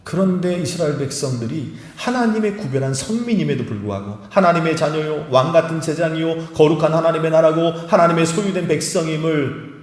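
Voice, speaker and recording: A man's voice: on the high side, fairly quick. A man preaching at a Friday prayer meeting as pastor, fervently questioning the congregation directly in a large church hall.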